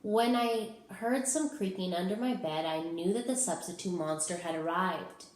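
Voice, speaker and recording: A woman giving an expressive narration of a children's storybook, as a teacher reading aloud. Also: on the low side, moderate pace. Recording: roomy, echoing sound.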